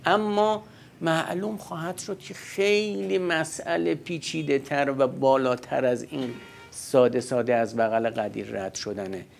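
A man's voice: fairly high pitch, gravelly, darkish tone. A man giving a religious lecture in a conversational way, posing rhetorical questions and answering them himself.

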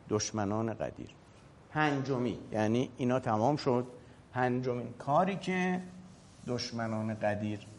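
A man giving a religious lecture to an audience, telling stories in a lively, colloquial way, asking rhetorical questions and addressing his listeners directly. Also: mid-range voice. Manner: animated storytelling with rhetorical questions and acted quotes. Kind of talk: sermon-style lecture to an audience.

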